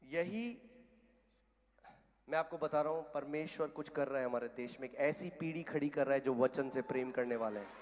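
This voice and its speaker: A male preacher giving a sermon and telling a story, emphatic, building to loud declarations and dropping English phrases into his speech. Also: mid-range voice, normal speed, a little hiss or hum. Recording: long echo of a hall.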